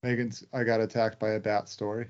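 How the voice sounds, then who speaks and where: A man's voice: fairly low pitch, little pitch movement, fairly quick, smooth. A man co-hosting a podcast, chatting casually and filling his speech with "like.". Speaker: podcast co-host. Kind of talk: casual chat. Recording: dull lo-fi sound.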